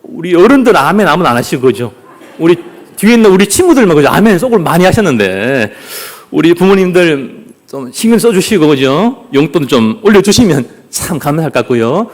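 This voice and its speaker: Lively, playful pastor. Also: male voice, fairly high pitch, a little fast. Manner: playful, jokes with the congregation; leads the congregation in clapping and greetings. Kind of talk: family worship sermon.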